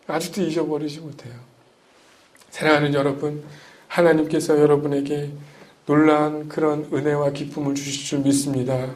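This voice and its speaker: A middle-aged male pastor preaching to his congregation in a slightly higher voice for a man. He asks the listeners question after question and waits for their answers. He moves between loud, emphatic lines and soft, hushed ones. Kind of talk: sermon.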